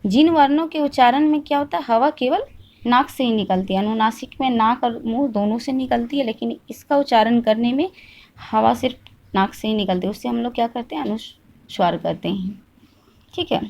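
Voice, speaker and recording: A woman teaching a Hindi grammar lesson. She asks the class questions, answers them herself and repeats each point slowly. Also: a little high, vocal fry, a little mellow.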